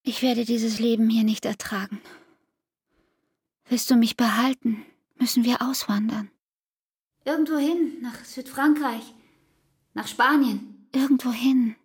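In a German radio drama, an actress portrays a weary young woman in love who pleads intimately and breathily, sometimes dropping into whispers. Her voice sits on the high side, with a steady tone and an unhurried pace broken by frequent pauses.

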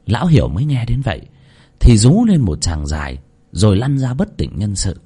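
A man's voice: fairly low pitch, very animated, moderate pace, mellow, husky. A man reading a horror story aloud in a dramatic, vivid narration.

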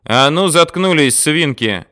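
A man voicing a brutish, loud male cannibal jailer who barks mocking threats. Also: on the high side, a little slow, smooth, no room sound, studio quality, pitched above the performer's own voice. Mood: menacing, shouting.

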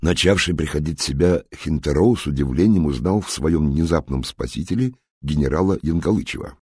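A man narrating an audiobook in a dramatic, expressive way. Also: extremely low pitch, brisk, breathy edge, no echo, clean studio sound.

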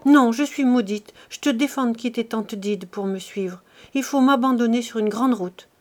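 A woman's voice: fairly high pitch, normal speed, darkish tone, lightly acted. A woman reading the part of a frightened, ashamed thirteen-year-old girl in an audiobook, pleading and distressed.

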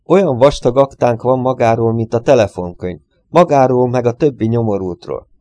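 A man playing a sweaty, tired police detective who talks in a gruff, impatient way. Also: mid-range voice, mellow, lo-fi sound, lightly acted. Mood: weary gruff.

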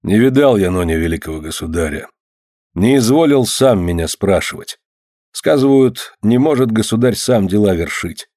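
A proud, hot-tempered boyar lord of old Russia, as a male reader does him, grave and archaic in his speech. The voice is low-toned and mellow. It sounds dry and close to the mic. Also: lively intonation, moderate pace, no echo. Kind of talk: audiobook reading.

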